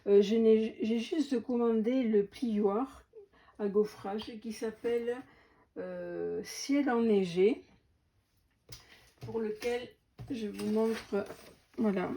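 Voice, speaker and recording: A woman talks slowly through a crafting unboxing, often pausing on fillers and restarting her phrases. Her voice is mellow and dark. Faint noise and small clicks sit behind her. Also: a little high. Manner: slow, hesitant, many fillers and restarts. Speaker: crafting vlogger. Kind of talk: casual unboxing commentary.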